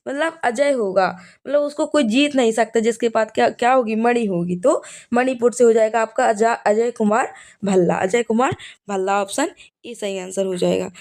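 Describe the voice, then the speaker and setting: In a voice that's a little high and a little mellow, a woman teacher gives an exam revision lesson built on memory tricks. She repeats the key points and regularly checks in with "ठीक है."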